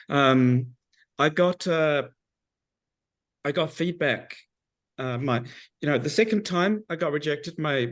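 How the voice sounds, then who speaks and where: Hoarse, froggy-voiced man with a cold. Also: medium pitch. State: losing his voice with a cold, clearing his throat. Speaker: academic researcher. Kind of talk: informal account of work to a group.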